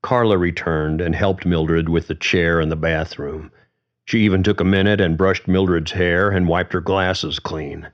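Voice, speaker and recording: A man reads a story aloud in a calm, measured way, his voice very deep and his pace unhurried. The recording sounds dull and lo-fi. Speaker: narrator. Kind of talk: audiobook narration.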